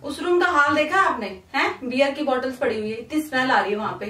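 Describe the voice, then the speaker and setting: A woman's voice: high-pitched, fast, pushed and bright, a little hiss or hum. A woman scolding her husband in a heated argument, repeating the same short question, recorded in a bedroom at home. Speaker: prank video creator. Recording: echoey room, far from mic, music behind.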